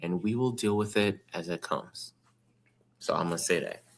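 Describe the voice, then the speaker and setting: A man's voice: deep voice, normal speed, vocal fry. A man hosting a podcast in casual conversation. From New York. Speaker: podcast host. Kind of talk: casual chat.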